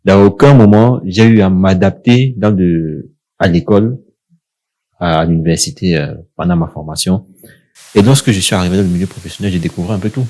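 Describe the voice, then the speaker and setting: Young Cameroonian man, dark mellow voice. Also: low-pitched, a little fast. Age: young adult. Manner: lively storytelling, laughs often. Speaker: podcast co-host. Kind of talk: casual podcast conversation.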